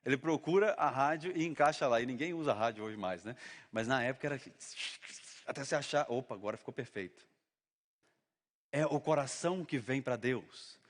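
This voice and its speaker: A man's voice: mid-range voice, fairly quick. A man with a Brazilian Portuguese accent preaching a sermon as pastor, talking in a conversational way and acting out little dialogues. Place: church service.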